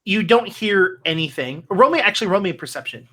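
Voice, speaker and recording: A man improvising tabletop game narration as game master, halting as he searches for words. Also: high voice, expressive, pushed and bright.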